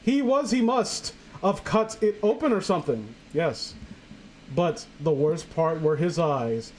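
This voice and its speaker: Here a fairly high-pitched man tells a horror story in a lighthearted read-aloud, animated but a little slow and slightly mellow. He stumbles over lines and veers into tangents, and background noise is clearly audible.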